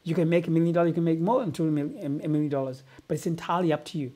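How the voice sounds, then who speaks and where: A man's voice: fairly high pitch, steady tone, very fast, mellow. A middle-aged man from Uganda giving a motivational business talk, telling his life story earnestly and often repeating words. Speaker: business coach.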